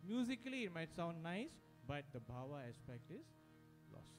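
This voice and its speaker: A man's voice: on the high side, sing-song, normal speed. A man teaching a devotional singing workshop, who talks conversationally, breaks into sung examples and keeps checking in with his audience. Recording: music playing behind.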